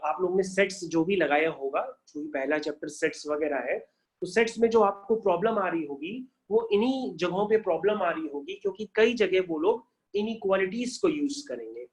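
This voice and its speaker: A man's voice: sits high, lively intonation, normal speed. Coaxing male math teacher. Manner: coaxing, calls students "beta", asks questions aloud and answers them; mixes English math terms into Hindi. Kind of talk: online math lesson.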